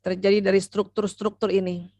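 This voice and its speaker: A woman doctor giving a seminar lecture to mothers, lively and talking straight to her audience. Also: mid-range voice, brisk, dry recording. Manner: lively, acts out parent and child voices; addresses the audience directly with frequent "ya".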